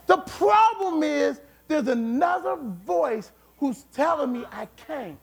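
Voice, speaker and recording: A man preaching a sermon with emphatic repetition, at times rising to shouts. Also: very high voice, expressive, takes it slowly, vocal fry. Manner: emphatic, repeats words, rises to shouts.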